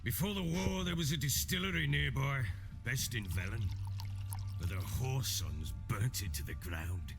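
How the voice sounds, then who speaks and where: An actor playing a gruff, wily, hard-drinking middle-aged baron in a video game, blustering and theatrical. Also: male voice, mid-range voice, lively intonation, normal speed, music in the background. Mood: blustery. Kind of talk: video game cutscene acting.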